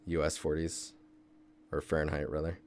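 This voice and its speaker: A young game environment artist from Seattle, Washington State, streams a laid-back tutorial from his desk, thinking aloud and answering chat as he works. His voice is extremely low and completely flat, at a moderate pace with a darkish tone and slight background noise.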